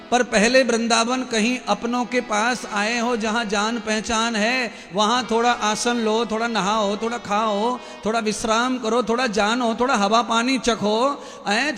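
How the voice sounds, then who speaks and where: A man giving a devotional discourse as a spiritual preacher, telling a story in an animated way and acting out the voices of the people in it. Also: very high-pitched. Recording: long reverb with faint music.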